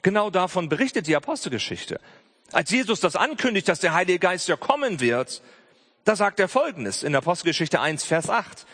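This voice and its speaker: A man preaching a Pentecost sermon, emphatic and direct, often calling out "hey" and dropping into soft, low passages. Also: very animated, fairly quick. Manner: frequent interjected "hey". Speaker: pastor. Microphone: streamed church service.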